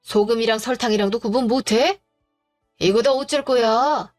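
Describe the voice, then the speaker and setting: Casting: gruff, scolding old father-in-law, read by a woman, faint music behind. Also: a little high, moderate pace, darkish tone, natural voice. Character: stern grumpy older father-in-law.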